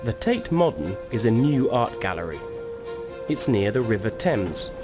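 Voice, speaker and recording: Male narrator, lowish pitch; clear, deliberate scripted lesson read; loud music bed under him. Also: big pitch swings. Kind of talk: slow scripted narration, each sentence repeated.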